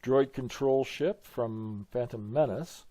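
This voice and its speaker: With a mid-range voice at a slow pace, an older video host offers casual, hesitant, grandfatherly musings as he reacts to a game trailer whose music sounds behind him.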